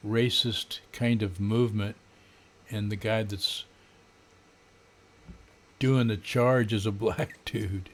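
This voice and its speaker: Older American male, 70s, lowish voice, halting and disdainful, grumbling political rant at a desk mic. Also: a little hiss or hum. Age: older, around 70s. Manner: grumbling old-man rant, disdainful and sardonic; halting, with frequent throat clearing. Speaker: political vlogger. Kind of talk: unscripted political rant to camera. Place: small home room, indoors. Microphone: desk condenser microphone.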